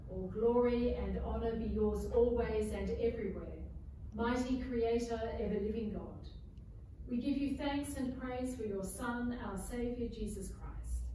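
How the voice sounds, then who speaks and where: A woman priest intoning a communion prayer in measured, solemn phrases, with a cathedral echo around her voice. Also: fairly high pitch, warm tone. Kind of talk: liturgical prayer recitation. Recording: echoey church, distant mic, background noise.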